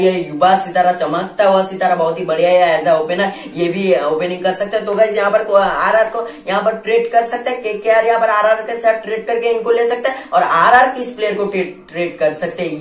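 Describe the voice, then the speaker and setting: A young man running a casual cricket update vlog, talking straight to camera in an excitable way with folded hands, recorded indoors by a camera at medium distance. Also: high voice. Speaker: cricket YouTuber. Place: indoor room with a plain backdrop. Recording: echoey room, voice off-mic.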